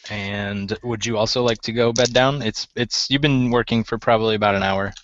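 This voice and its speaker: A man's voice: fairly low pitch, fairly even intonation, normal speed, fairly bright tone, dry recording, muffled recording. A man narrating as game master of a tabletop role-playing game, often laughing and hesitating with fillers.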